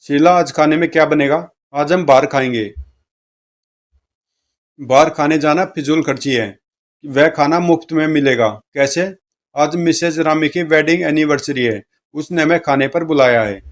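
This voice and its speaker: Here a comic book narrator reads strips aloud at normal speed, giving voice to each character's dialogue. His voice sits on the high side.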